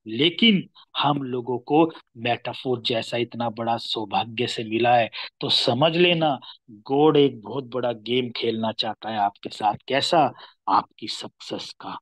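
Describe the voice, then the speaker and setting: Indian guy hyping up his team in a training talk, loud bits then quiet trailing endings, dry close sound. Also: mid-range voice, no room sound, poor audio. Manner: rousing, repeats "my dear friend" and "dosto" often; drops to near-murmur at phrase ends. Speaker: team leader giving a business training.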